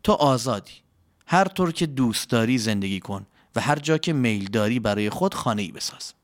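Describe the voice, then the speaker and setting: A man voicing a gentle, kind noble woman in a soft, lowered voice. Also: expressive, natural voice.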